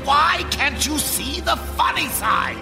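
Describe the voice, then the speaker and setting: Mocking, manic villain clown. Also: male voice, very high voice, very animated, slow, gravelly, full character voice. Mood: taunting. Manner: mocking, swings from purring to shouting. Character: manic cackling male villain clown, cruel. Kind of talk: animated film acting. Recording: with film music behind.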